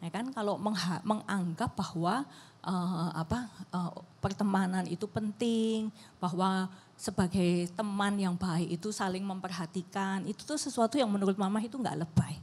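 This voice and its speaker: A woman's voice: mid-range voice, darkish tone, slightly rough, big-room sound. A middle-aged woman speaking at a church family seminar, chatty and loose, with many fillers and restarts. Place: church hall.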